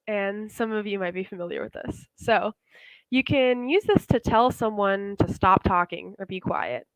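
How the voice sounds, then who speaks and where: A woman's voice: medium pitch, dry recording, poor audio. Give me a young woman teaching English slang, casual and chatty, recorded dry and close. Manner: casual and chatty, many "like" and "um" fillers. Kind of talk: online slang lesson.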